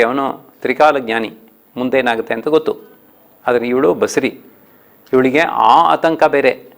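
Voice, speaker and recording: A male teacher with a Kannada accent leads an online class on an old poem. He recites each verse line in a slow chant, then restates it in plain speech. His mid-pitched voice has a gravelly edge and an unhurried pace.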